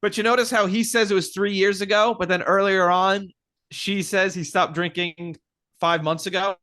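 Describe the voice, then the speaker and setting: A man co-hosts a podcast, wryly nitpicking movie details between laughs. His voice is high and bright, with a sharp edge. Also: steady tone, moderate pace. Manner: wry, nitpicky, points out film details and laughs. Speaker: podcast co-host. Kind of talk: casual film-recap chat.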